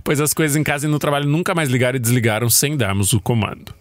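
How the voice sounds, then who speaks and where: A man's voice: quick pace, no room sound, studio quality. A man from Brazil hosting a podcast, reading listener stories aloud with playful, jokey asides. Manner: playful, jokey asides with big pitch swings. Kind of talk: casual chat and story reading.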